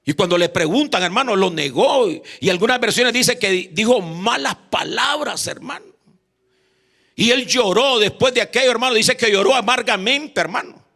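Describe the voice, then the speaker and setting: A man's voice: high-pitched, expressive, normal speed, bright, forceful tone. A man with a Honduran accent preaching an evangelistic sermon in a church, who keeps addressing the congregation as "hermano" and calls for responses. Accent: Honduran Spanish.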